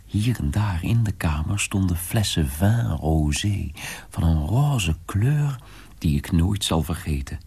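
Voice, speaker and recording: A man's voice: low-pitched, lively intonation, takes it slowly, gravelly, a little mellow, breathy edge, heavily acted. An actor playing a young son in a radio drama, confiding in his mother in a wondering, often whispered way. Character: young man telling his mother of a strange household.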